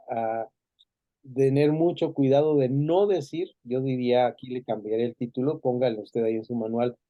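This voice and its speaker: A man teaches a class on pastoral grief care, speaking earnestly and repeating his main points. His voice is deeply mellow and dark. The sound is dry and close, with no room around it. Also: no room sound, highs cut off. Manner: earnest, repeats key points, frequent fillers. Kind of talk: classroom lecture.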